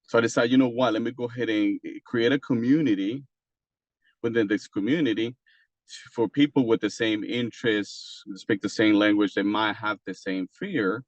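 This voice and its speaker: A man from Costa Rica, a native Spanish speaker with a Costa Rican Spanish accent, talking as an interview guest in a halting way with many fillers and restarts. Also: on the low side, fairly even intonation, dry recording, highs cut off. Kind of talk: casual interview talk.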